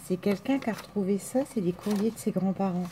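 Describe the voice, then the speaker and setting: A woman's voice: medium pitch, brisk, mellow, slight background noise. A woman in a casual chat, opening mail on camera, gushing and exclaiming as she goes, with lots of fillers.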